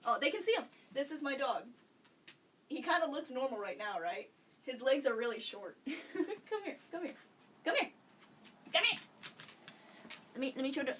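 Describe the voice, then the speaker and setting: A young woman with a fairly high voice chats to her stream viewers from a room at home, rambling from one thought to the next and laughing often. She sits a little back from the mic. A faint noise runs underneath. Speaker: livestreamer. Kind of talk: casual chat with stream viewers. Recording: slightly distant mic, faint background noise.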